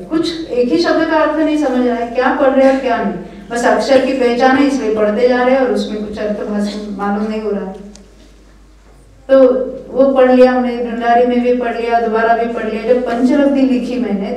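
A woman's voice: a little high, a little mellow. An older woman giving an earnest, encouraging lecture at a religious study camp, often checking in with her listeners. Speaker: scripture teacher. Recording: echoey hall, voice from far off the mic.

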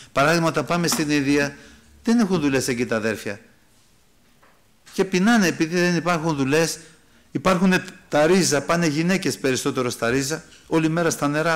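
Άνδρας ιεροκήρυκας, ελαφρώς ψηλή φωνή. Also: male voice, a little high. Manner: conversational preaching, addresses listeners as brothers, reads and explains scripture. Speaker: preacher. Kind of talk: sermon. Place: church hall.

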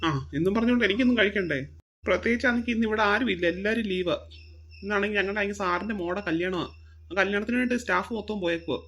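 A woman voicing a grumbling, peevish male zoo worker in a cartoon, with a husky voice. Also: mid-range voice, rapid-fire, a bit bright. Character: grumpy lazy male zoo worker, adult. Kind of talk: cartoon voice acting.

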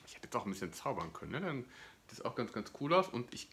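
A man's voice: mid-range voice, big pitch swings, fast, a bit bright. A man, chatting casually and enthusiastically to viewers as a food review host. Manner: enthusiastic, gushing. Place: indoor living room, seated on a sofa. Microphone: camera or phone at about arm's length.

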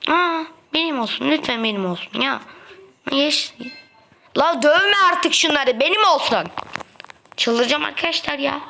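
A young woman playing a mobile game and giving excitable, trash-talking commentary, playfully complaining as she goes. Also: a little high, gravelly. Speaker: gaming video host. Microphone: phone.

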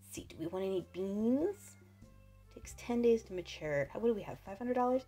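A woman's voice: mid-range voice, animated, brisk, warm tone. A woman giving casual, chatty let's-play commentary, playful and thinking aloud. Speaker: gaming video host. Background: faint game music.

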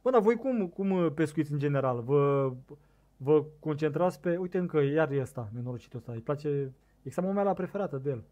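Excitable young Romanian gaming streamer. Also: male voice, a little high, muffled recording. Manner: excitable, shouts bursts at the game, talks to viewers. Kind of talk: casual gameplay commentary. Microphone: desk microphone set too loud.

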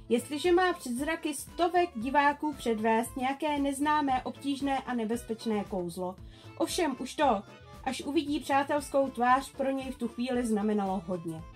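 A woman hosting a quiz, reading passages aloud and announcing the answers in a lively, drawn-out way. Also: high voice. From Czech Republic. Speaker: quiz host reading book excerpts.

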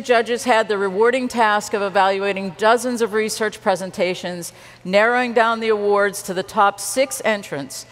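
A woman in her sixties gives a formal, measured speech from a podium on a large conference stage, wearing a headset mic. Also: mid-range voice. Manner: measured, deliberate reading from a podium. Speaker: awards presenter. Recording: long hall reverb.

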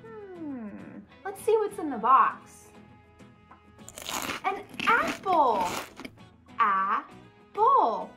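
High, bright woman chatting to kids. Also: very animated, slow, long pauses, soft background music. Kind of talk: educational lesson for young kids.

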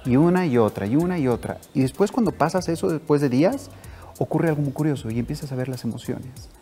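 Warm-voiced man, animated and questioning. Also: fairly high pitch, fast talker, faint music behind. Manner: animated, asks rhetorical questions, acts out inner voices. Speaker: guest speaker on personal growth. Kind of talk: conversational interview talk.

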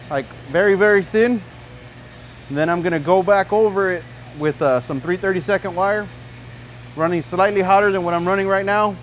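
A man in his thirties giving a relaxed, folksy welding demonstration in a shop, talking the viewer through each step. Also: high voice, slight background noise. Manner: relaxed, folksy, frequent "you know". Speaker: welding instructor. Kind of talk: casual demonstration tutorial. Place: large welding shop indoors.

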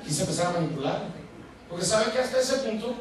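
A man's voice: sits high, lively intonation, crowd noise. A male pastor, preaching a sermon, telling a personal story and acting out its dialogue before turning to earnest exhortation. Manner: acts out dialogue, then slows to earnest exhortation. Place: large church sanctuary. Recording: very echoey hall, distant mic, noisy.

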